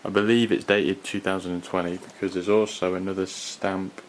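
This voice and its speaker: Low, flat-voiced man reviewing gear. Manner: hesitant, halting, rambling. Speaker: gas mask collector and reviewer. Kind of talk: unscripted hands-on product review. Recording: clearly audible background noise.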